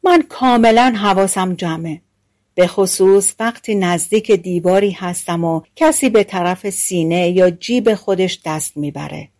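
A woman voicing eager young sparrow chicks, a little higher and brighter than her narration. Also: close to an everyday voice.

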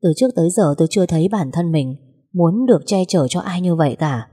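Woman reading a young man, calm, teasing, unbothered, low mellow tone, storybook. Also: fast, breathy edge, long reverb tail.

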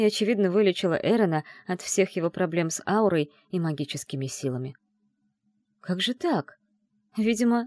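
A woman narrating a first-person novel, expressive and emotionally engaged. Her voice is lowish, dark and mellow, recorded close and dry. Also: no room sound. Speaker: audiobook narrator.

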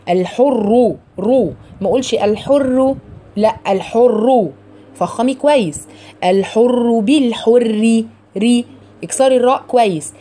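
A woman with an Egyptian accent teaching a recitation lesson to a group of women. She chants verses in a slow, drawn-out way, then breaks into chatty explanation, repeats model sounds and quizzes her listeners. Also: fairly high pitch, warm tone. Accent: Egyptian Arabic.

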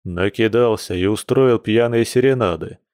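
A man's voice: lowish voice, normal speed, darkish tone, dry recording, lightly acted. A man voicing a hungover bear werewolf who groans and complains gloomily, in a dry audiobook recording. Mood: groaning. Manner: groaning, mournful.

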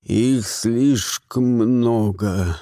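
A man voicing a wounded old wizard who mutters slowly in a hoarse, rasping voice. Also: mid-range voice, mellow, no room sound, clean studio sound, voice pushed down. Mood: weak rasping. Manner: slow, muttering. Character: wounded old male wizard, weary and grim.

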